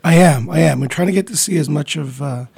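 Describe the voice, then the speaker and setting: A comic book writer around forty, born in the Philippines and raised in Montreal, is a guest in a radio studio interview. His voice is on the high side, quick, creaky, darkish, and husky with no room sound, and he comes across as friendly and hesitant, using many ums.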